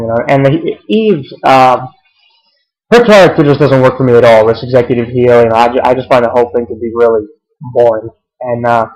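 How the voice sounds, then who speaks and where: A man's voice: medium pitch, rough recording. A young man giving a casual, rambling recap of a wrestling show, full of fillers and restarts.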